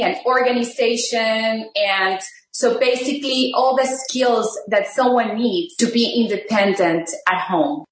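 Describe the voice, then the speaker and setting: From her home kitchen, a middle-aged rehabilitation teacher from the Texas border region, whose first language is Spanish, gives a friendly, chatty cooking demonstration full of fillers and restarts. Her voice is fairly high and fairly bright, and the rough recording sounds echoey.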